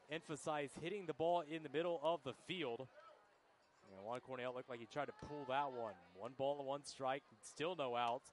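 A man's voice: a little high, slight background noise. A man doing live baseball play-by-play commentary for a radio broadcast. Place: ballpark broadcast booth.

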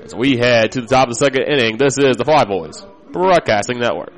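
A man's voice: medium pitch, expressive, brisk. A man with an American accent giving live baseball play-by-play commentary.

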